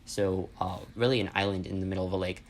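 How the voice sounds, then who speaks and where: A man's voice: deep voice, steady tone, quick pace, a little hiss or hum. A man giving an informal history lesson as an instructor, explaining things conversationally and often checking in with listeners.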